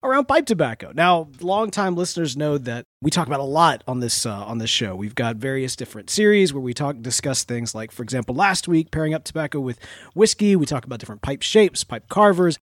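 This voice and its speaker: Male podcast host, slightly high voice, casual and self-deprecating, dry room sound. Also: big pitch swings, a little fast, no room sound.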